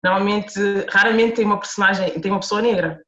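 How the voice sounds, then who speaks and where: Talking fast in a medium-pitched, slightly bright voice, a Portuguese author with a Lisbon accent is interviewed as a podcast guest. She comes across as earnest and reflective, often restarting what she says, over a roomy, dull, lo-fi recording.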